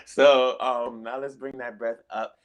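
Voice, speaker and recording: A man leading a live-streamed guided breathing class, calm and coaxing, checking in often with "okay?" and "all right?". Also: medium pitch, slow pace, noisy background. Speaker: breathwork instructor.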